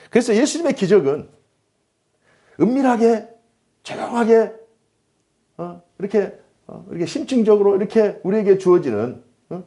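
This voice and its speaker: A man's voice: high-pitched, warm tone. A man preaching a sermon as pastor in a church, driving his points home with repeated, building phrases. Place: church sanctuary.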